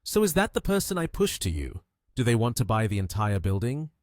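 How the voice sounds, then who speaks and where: A man's voice: mid-range voice, wildly swooping pitch, moderate pace, a little mellow, dry recording, studio quality. A man voicing a pushy young female sales employee who pleads and tries to grab credit. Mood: pleading.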